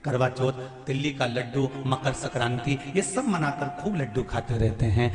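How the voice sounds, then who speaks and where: A man preaching a devotional sermon in a folksy, sing-song storytelling way, swinging between soft asides and loud exhortations. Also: mid-range voice, normal speed. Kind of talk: devotional sermon to a large gathering. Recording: echoey hall with faint music.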